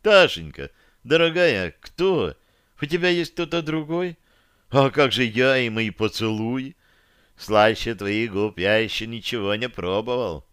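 A man's voice: lowish voice, fairly even intonation, normal speed, hardly any pauses, fairly bright tone, smooth, no room sound, studio quality, natural voice. A man reading an audiobook voices a sly young necromancer who coos in mock tenderness. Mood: mock-sweet.

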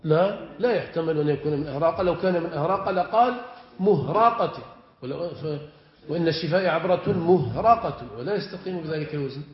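Male grammar teacher, a touch high-pitched, lecturing and quizzing students, lo-fi room recording. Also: expressive. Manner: drawn-out stressed word forms, questioning students. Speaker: sheikh teaching Arabic morphology. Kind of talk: classroom lecture. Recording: echoey room, dull lo-fi sound.

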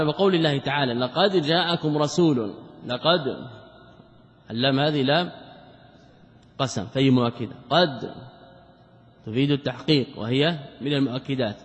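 A man teaching a classical religious text. He poses rhetorical questions, answers them himself, and repeats key phrases for emphasis. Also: mid-range voice. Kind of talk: religious lecture commentary. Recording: dull lo-fi sound with long hall reverb.

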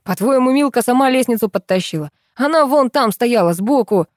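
A woman voicing a coarse, furious man who yells and swears, reading a story aloud. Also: medium pitch, expressive, normal speed, dry recording, studio quality, close to an everyday voice. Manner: yelling, swearing, explosive.

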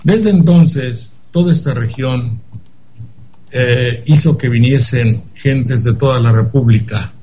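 A man's voice: mid-range voice, takes it slowly, warm tone, slight background noise, rough recording. An older man, a radio commentator telling a digressive story and acting out the dialogue.

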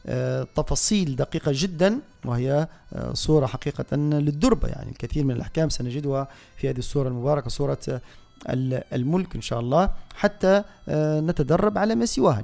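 A man with a Tunisian accent teaching Quran recitation on the radio, explaining pronunciation slowly and repeating words to correct them. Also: fairly high pitch, creaky, dark tone. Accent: Tunisian Arabic. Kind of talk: radio tajweed lesson with recitation. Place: radio studio.

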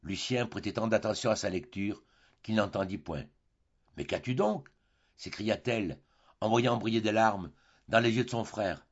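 A man's voice: on the low side, moderate pace, muffled recording. A man narrating a classic novel for an audiobook, reading steadily phrase by phrase.

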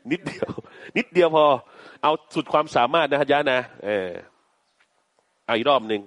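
A man teaching Quran recitation, chanting Arabic verses slowly and explaining pronunciation patiently in Thai. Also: fairly high pitch, fairly bright tone, no room sound. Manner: slow, patient, demonstrates sounds repeatedly, chants verses.

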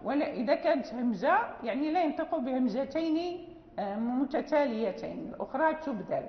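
A woman teaching a recitation class, speaking in a high voice with a patient, repetitive way of explaining. Her voice rings out in a roomy hall with a long reverb. The recording is dull and lo-fi. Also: expressive, a little fast. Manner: explains patiently, repeats words, many fillers. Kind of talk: classroom lecture. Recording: echoey hall, dull lo-fi sound.

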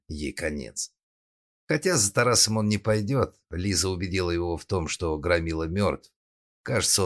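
A man reading a thriller audiobook as narrator, in a steady dramatic tone. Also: low-pitched. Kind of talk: scripted narration.

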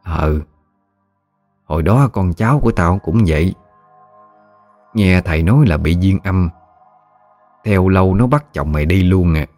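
Bossy gossipy old delta village woman over sixty, read by a man, low-voiced, over faint music. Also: lively intonation, unhurried, long pauses, darkish tone. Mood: knowing. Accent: Mekong Delta Vietnamese. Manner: blunt, familiar, talks down fondly.

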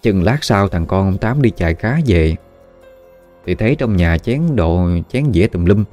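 Folksy Southern Vietnamese man, low mellow voice. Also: lively intonation, measured pace, faint music behind. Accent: Southern Vietnamese, Mekong Delta. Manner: folksy, rambling, with frequent "à" fillers. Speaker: storyteller. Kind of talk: casual spoken storytelling.

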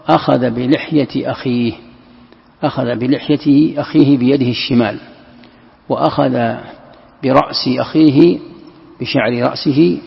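A man's voice: medium pitch, gravelly, breathy edge. A male scholar giving a commentary lesson, explaining and repeating phrases for emphasis. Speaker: Islamic scholar teaching Quran commentary. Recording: lo-fi lecture recording in a reverberant hall.

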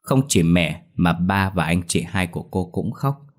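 A man narrating a ghost story in a slow, solemn storytelling manner. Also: deep voice, expressive.

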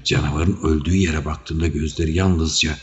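Male narrator, dramatic audiobook reading, very deep voice, dull lo-fi sound. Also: fairly even intonation, moderate pace. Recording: dull audio with faint music.

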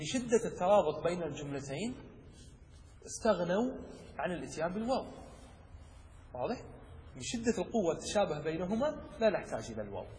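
A man teaching Arabic rhetoric in a classroom lecture. He explains each point step by step, checks that his students follow, and recites verses slowly and clearly. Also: high voice, darkish tone. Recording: long hall reverb with faint noise.

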